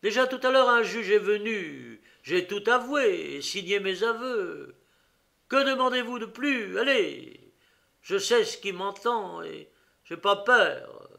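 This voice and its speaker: A man voicing an enraged male prisoner in his thirties who shouts a defiant murder confession, in a storybook reading. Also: high-pitched, lively intonation, slow pace, vocal fry, pitched above the performer's own voice, heavily acted. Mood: furious.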